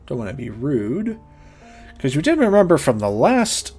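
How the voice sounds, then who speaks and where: A man's voice: fairly high pitch, big pitch swings, normal speed, darkish tone, slightly rough, faint music behind. A male streamer reading a visual novel aloud for his chat, with casual, joking asides to his viewers.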